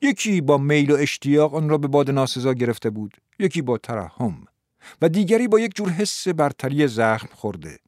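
A man narrating an audiobook in an expressive, dramatic storytelling manner. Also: on the high side, no echo, studio quality.

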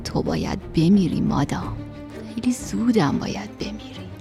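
A woman's voice: mid-range voice, wildly swooping pitch, gravelly, music in the background. A woman voicing a cruel, menacing husband in a storybook reading, speaking coldly and threateningly. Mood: cold menace. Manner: threatening, cold. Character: cruel menacing husband, grown man, villain.

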